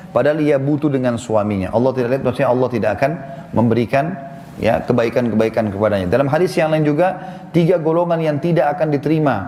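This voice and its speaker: A man's voice: on the high side, darkish tone, in a large hall. A man giving an instructive sermon, working through numbered points. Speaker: preacher.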